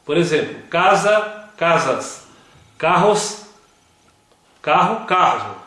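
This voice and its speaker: A man giving a slow scripted grammar lesson, reading word examples one at a time. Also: on the high side, sing-song, sharp tone. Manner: reads word lists one by one. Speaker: grammar teacher. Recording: very echoey room.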